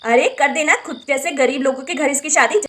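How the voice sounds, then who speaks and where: A woman's voice: high voice, a little fast, fairly bright tone. A woman voicing a greedy, haughty in-law in a doll story, talking scornfully and bossily. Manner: scornful, bossy, dismissive. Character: greedy, haughty older sister-in-law demanding dowry.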